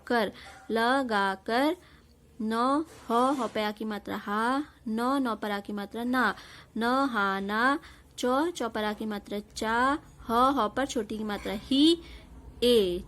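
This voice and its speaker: A fairly high-voiced young woman teaching a kindergarten lesson at a very slow pace. She sounds out every letter and vowel sign, then says the whole word again. She asks the children questions and praises their answers. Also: slight background noise.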